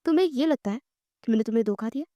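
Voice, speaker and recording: A woman's voice: fairly high pitch, expressive, dry recording, dull audio, lightly acted. A woman voicing a devoted young husband in a romance audiobook, speaking in an earnest, reassuring way.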